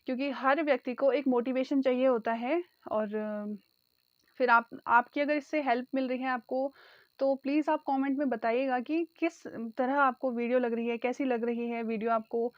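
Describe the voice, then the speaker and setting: Woman, high voice, dry recording, exam-prep teacher, repeats answers. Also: dry recording, muffled recording. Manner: addresses viewers as friends, repeats key answers. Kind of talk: online exam-prep lesson.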